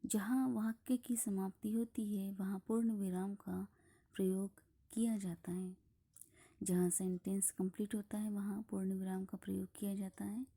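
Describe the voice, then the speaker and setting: A woman teaching a school grammar lesson, explaining slowly and deliberately, with many phrases dropping into a breathy half-whisper. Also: medium pitch, flat delivery, dark tone.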